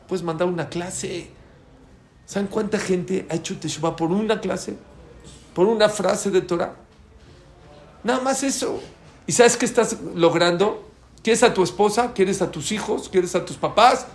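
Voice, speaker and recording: A man's voice: fairly high pitch, gravelly. A man giving a religious talk, emphatic and addressing his listeners with questions. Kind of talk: preaching talk. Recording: echoey room with faint background noise.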